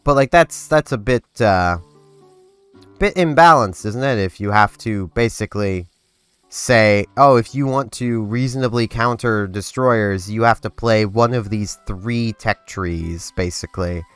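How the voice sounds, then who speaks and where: Recorded dry and close with no room sound and faint game music, a congested young man with a lowish, smooth, fairly bright voice talks at a measured pace. Hosting his gaming channel, he rambles casually over gameplay, interrupting himself, restarting and using many fillers.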